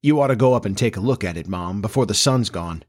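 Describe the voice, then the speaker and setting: Sounding excited, a man voices a nineteen-year-old farm boy from a storybook who is eager and starry-eyed. His voice sits on the low side and moves fast, with an excitable, folksy, boyish manner.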